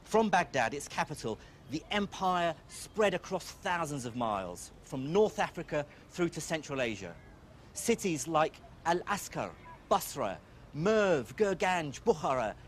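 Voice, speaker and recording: A man's voice: a little high, a little hiss or hum. Middle-aged man narrating a documentary. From Iraq. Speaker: documentary presenter. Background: music.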